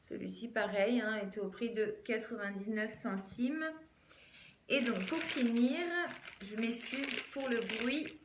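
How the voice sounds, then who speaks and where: Chatty woman with a high voice, echoey room. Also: measured pace, noisy background. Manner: chatty, hesitant with many fillers. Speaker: fashion vlogger.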